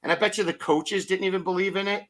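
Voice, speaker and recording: A middle-aged man on a motivational podcast, telling energetic stories full of rhetorical questions and acted-out asides. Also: sits high, fast talker. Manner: acts out his own thoughts in quoted asides. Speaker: podcast guest.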